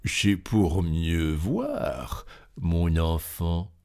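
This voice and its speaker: A man voicing a sly, hungry male wolf in a storybook reading, low and menacing. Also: expressive, drawn-out words, gravelly, darkish tone, exaggerated voice.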